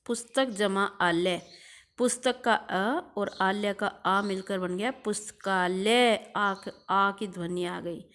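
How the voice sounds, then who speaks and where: Woman teacher going slowly through grammar examples, drags out the sounds, repeats herself. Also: medium pitch, fairly bright tone. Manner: slow, drawn-out examples, repeating terms. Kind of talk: recorded classroom lesson.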